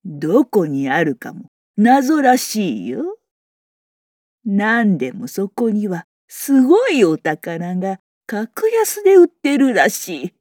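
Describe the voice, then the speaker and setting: A woman's voice: medium pitch, wildly swooping pitch, slow pace, darkish tone, dry recording, studio quality, full character voice. A woman playing a chatty, secretive old townsperson who talks in a folksy, teasing, wise-elder way. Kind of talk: character monologue.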